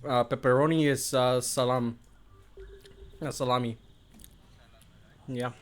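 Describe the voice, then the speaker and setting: A man streaming a video game, making loud, rambling casual asides. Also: medium pitch, steady tone, slow pace. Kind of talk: casual chat over gameplay.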